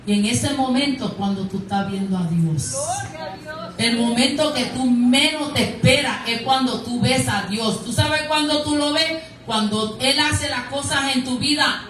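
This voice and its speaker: High, bright-voiced woman preaching in an echoey church. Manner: earnest, storytelling, repeats words for emphasis. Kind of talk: sermon with personal testimony. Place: church hall. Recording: echoey hall from far off.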